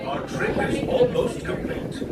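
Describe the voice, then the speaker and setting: A man giving a folksy, scripted train narration, played over an outdoor loudspeaker. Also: measured pace, recorded from a distance. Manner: folksy and chatty. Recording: echoey loudspeaker heard from afar, loud noise.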